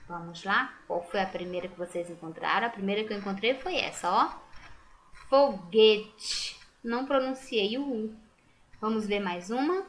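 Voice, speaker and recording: A woman's voice: fairly high pitch, a bit bright, a little hiss or hum. A Brazilian woman teaching a primary school lesson, patiently sounding out words syllable by syllable. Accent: Brazilian Portuguese. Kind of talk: recorded remote class lesson.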